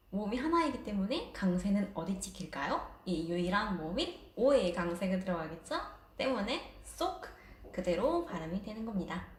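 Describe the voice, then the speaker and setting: A woman's voice: mid-range voice, reverberant. A woman teaching a casual online language lesson, explaining patiently with light laughs.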